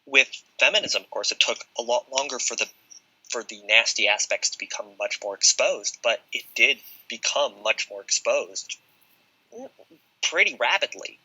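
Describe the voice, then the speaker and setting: A man speaks as a guest in a casual discussion, with a very bright, sharp tone and a husky edge. He argues quickly and emphatically. The recording is poor and pops throughout. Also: mid-range voice, expressive, muffled recording. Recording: poor audio with popping.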